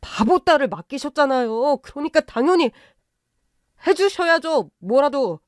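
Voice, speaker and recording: A woman's voice: high-pitched, animated, unhurried, dry recording, clean studio sound, voice pushed up. A woman voicing a sly young husband who talks in a fawning, ingratiating, pleading way in a narrated story. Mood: wheedling. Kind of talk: narrated story with acted voices.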